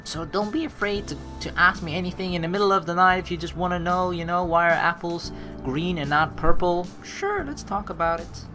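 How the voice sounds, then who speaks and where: Speaking a little fast at medium pitch, this American let's play host narrates a visual novel over its game music, adding rambling running commentary full of asides, restarts and thinking out loud.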